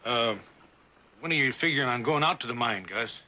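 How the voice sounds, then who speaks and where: This nosy western townsman has a very sharp, mid-pitched voice and talks fast. He is an opportunist, prying in a casual way. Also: expressive. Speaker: actor in a TV western. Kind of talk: TV western drama acting.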